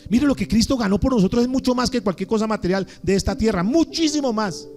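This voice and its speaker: A man's voice: sits high, fast, darkish tone. A man preaching a sermon as pastor, putting questions to his congregation. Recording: faint music underneath.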